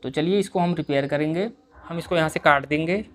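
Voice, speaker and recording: Talking a little fast in a fairly high voice, a repair tutorial host patiently describes each step of his work, often greeting his viewers as dear friends.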